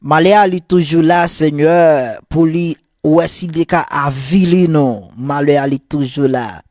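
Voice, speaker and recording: A man with a Haitian Creole accent, a priest leading a morning prayer sermon in a fervent, repetitive cadence, moving into softly murmured prayer. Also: fairly high pitch, a little slow, no echo, clean studio sound.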